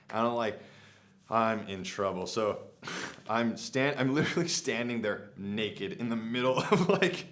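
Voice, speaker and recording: A young man vlogging, telling a story casually to camera with lots of filler words and acted-out quotes. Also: medium pitch. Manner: animated, many "like" fillers, acts out his own past lines. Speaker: adventure vlogger.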